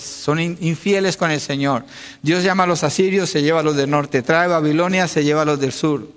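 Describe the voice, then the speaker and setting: A man preaching a teaching sermon, asking rhetorical questions and answering them himself. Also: on the high side. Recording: long reverb of a large hall.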